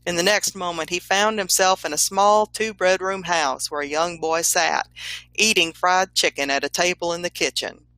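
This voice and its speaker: A woman narrating a comedic story in a deadpan, matter-of-fact way. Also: lowish voice, moderate pace, no echo, faint music behind, rough recording.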